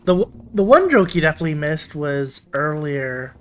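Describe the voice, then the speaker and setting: A man's voice: on the high side, very animated, moderate pace. A man streaming a game, chatting casually.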